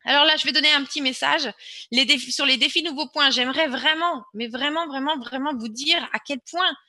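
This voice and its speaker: A woman's voice: high-pitched, fairly quick, bright, forceful tone, no room sound. A woman presenting an online webinar and walking viewers through a screen-share demo, urging them on and repeating words for emphasis.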